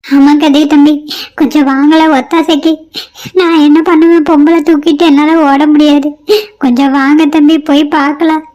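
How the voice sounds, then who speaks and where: High-voiced worried village mom, wailing and fretful, a woman acting it, cartoon. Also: flat delivery, moderate pace, darkish tone, lightly acted. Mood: frightened. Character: anxious middle-aged village mother.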